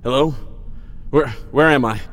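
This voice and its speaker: A man's voice: medium pitch, unhurried, a bit bright, big-room sound, natural voice. An actor playing a dazed, good-humored young man waking in a jail cell in an audio drama.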